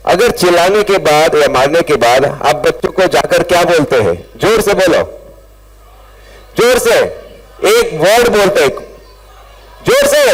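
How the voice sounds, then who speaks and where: Animated man leading a parenting workshop. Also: sits high, rough recording. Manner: animated, calls out to audience, mixes English words. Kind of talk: interactive workshop talk to parents. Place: school event hall with audience.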